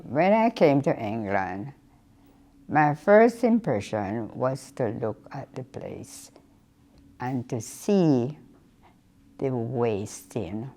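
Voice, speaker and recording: An older woman from Jamaica, recalling her arrival in a slow, measured way in a documentary interview. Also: a bass voice, expressive, dark tone.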